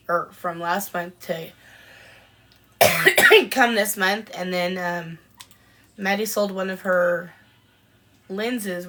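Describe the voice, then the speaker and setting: A woman co-hosting a podcast in a casual live-stream chat, chatting as she answers viewer comments with frequent ums and pauses. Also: lowish voice, sharp tone. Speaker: podcast co-host.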